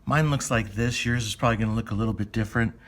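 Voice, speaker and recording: Talking very fast in a lowish voice, a man plays an elementary school teacher. He chats informally through step-by-step instructions for young children, thinking aloud along the way.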